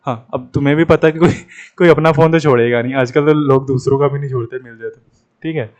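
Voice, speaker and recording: A man's voice: mid-range voice, steady tone, fast, a little mellow, highs cut off. A man from Punjab teaching an English grammar lesson in a chatty, playful way, repeating the key points. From Punjab, India.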